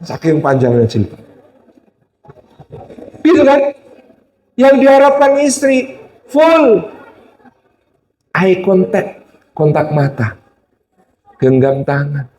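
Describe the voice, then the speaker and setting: A man's voice: a little high, sing-song, takes it slowly, long pauses, darkish tone. A male Islamic preacher giving a religious lecture, telling stories with humor and acted-out quotes. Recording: roomy hall, distant mic.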